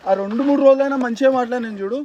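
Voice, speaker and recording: A man's voice: extremely high pitch, rapid-fire, dull audio, a loud crowd. A man speaking in a subdued, self-blaming way in a family drama skit. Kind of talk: scripted family drama acting.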